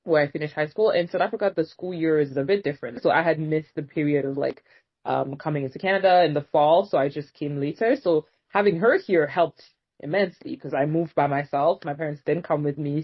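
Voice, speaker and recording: A young Congolese woman speaking as an interview guest in relaxed casual conversation, often filling pauses with "um" and "you know". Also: sits low, breathy edge. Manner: relaxed and chatty, with frequent fillers like "um" and "you know". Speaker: guest, nonprofit co-founder. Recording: dull lo-fi remote recording.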